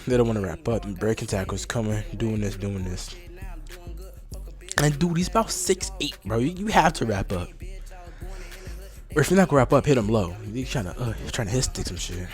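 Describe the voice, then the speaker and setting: A young man giving casual, slangy, excitable commentary on his old game footage. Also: mid-range voice. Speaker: vlogger.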